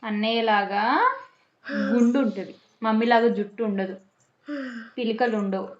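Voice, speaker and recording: Teasing young mother, higher voice. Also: measured pace. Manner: teasing, coaxing, sing-song questions. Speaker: mother vlogging with her toddler. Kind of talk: playful chat with a small child. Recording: muffled echoey home room.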